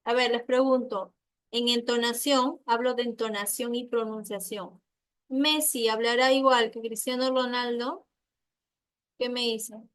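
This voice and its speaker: A woman's voice: on the high side, steady tone, a little slow, fairly bright tone, dry recording. Peruvian woman teaching, quizzing her class. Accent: Peruvian Spanish. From Peru. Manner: checks understanding with frequent tag questions. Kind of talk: online class lecture.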